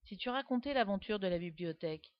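A woman's voice: mid-range voice, expressive, quick pace, no room sound, natural voice. A woman voicing a cheerful, laid-back boy with a dreamy musical streak, in a dull, dry recording. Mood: teasing.

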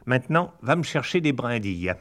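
A man's voice: medium pitch, sing-song, fairly quick. A man voicing a bossy, nagging female blackbird. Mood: scolding. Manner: sharp, nagging, commanding. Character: bossy scolding female blackbird, quick-tempered.

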